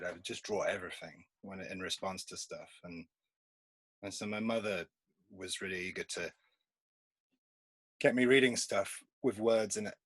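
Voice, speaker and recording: This is a Polish-born speaker living in England, a comics artist interviewed casually on a remote podcast. His husky, low voice comes across on a dry recording as he rambles, laughing often between thoughts.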